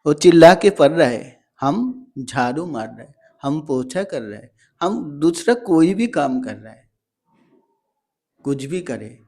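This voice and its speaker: A man's voice: on the high side, big pitch swings, a little slow, mellow. A man teaching parents in a motivational talk, explaining patiently and sounding words out syllable by syllable.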